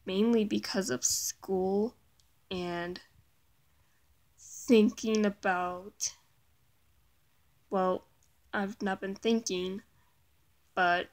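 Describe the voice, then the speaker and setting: Upset woman vlogging, voice cracking, halting bits, slow and broken up. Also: medium pitch. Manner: halting, broken phrases, drops to a near whisper. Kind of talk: emotional confessional video.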